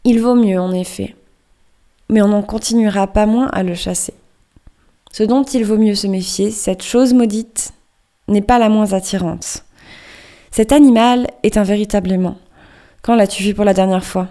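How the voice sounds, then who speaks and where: A woman's voice: medium pitch, fairly even intonation, normal speed, long pauses, mellow, close to an everyday voice. A woman voicing an obsessed, commanding old whaling captain who speaks curtly. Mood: grim. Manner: curt, commanding.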